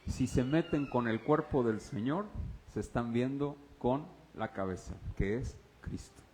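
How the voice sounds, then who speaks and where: A pastor delivering a sermon, moving between hushed, low passages and raised, excited exclamations while addressing the congregation directly. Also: male voice, measured pace, a little hiss or hum.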